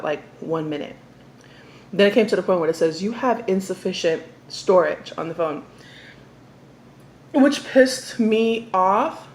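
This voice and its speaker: A young woman casually telling a story to the camera during an eating show, talking while she eats and pausing for bites. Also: mid-range voice. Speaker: mukbang vlogger. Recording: echoey room with faint background noise.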